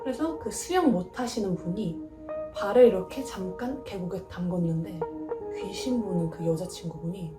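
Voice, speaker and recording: A woman telling scary stories, and she acts out the quoted lines in lively bursts. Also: lowish voice, moderate pace, echoey room, over music. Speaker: horror storyteller.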